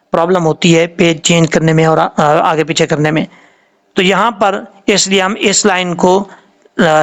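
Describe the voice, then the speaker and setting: A man, a Quran tajweed teacher giving a patient, step-by-step recitation lesson and repeating each sound. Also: high-pitched.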